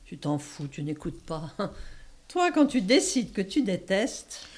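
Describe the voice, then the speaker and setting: A woman's voice: mid-range voice, big pitch swings, slow, a little mellow. An actress playing a stubborn, defensive and self-blaming woman in a stage-play dialogue, with emphatic, protesting repetition. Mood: stubborn, scolding.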